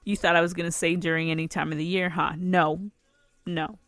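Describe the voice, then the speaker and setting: A woman's voice: fairly low pitch, flat delivery, a little fast, a bit bright, no echo. A tired woman hosting a solo podcast from her room, chatting casually and rambling with frequent laughs. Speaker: podcast host.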